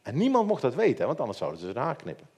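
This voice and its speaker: A preacher giving an informal youth sermon, retelling a Bible story with humorous asides. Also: male voice, medium pitch, wildly swooping pitch, racing, darkish tone, breathy edge.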